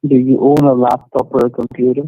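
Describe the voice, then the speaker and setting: A man's voice: mid-range voice, level tone, fairly quick, dark tone, no echo. A man posing as tech support on a phone call, running a script and repeating his questions insistently. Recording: tinny phone line.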